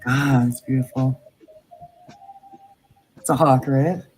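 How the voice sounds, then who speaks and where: A man's voice: medium pitch, fairly even intonation, slow, a little mellow, faint music behind, poor audio. A man casually chatting as he looks back on a paranormal investigation he took part in. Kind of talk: casual chat, recounting an investigation.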